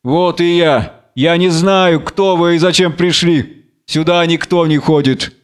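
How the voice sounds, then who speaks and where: A man's voice: a little high, measured pace, clean tone, pitched above the performer's own voice, close to an everyday voice. A man voicing a blind, chained male captive who pleads and cries out in fear. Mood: terrified.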